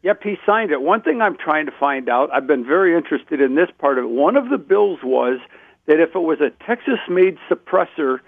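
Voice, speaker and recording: A man's voice: a little high, expressive, normal speed, dry recording. A man calling in to a talk radio show, chatting eagerly and apologizing when he gets ahead of the host. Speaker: caller. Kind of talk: phone-in conversation. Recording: tinny phone line.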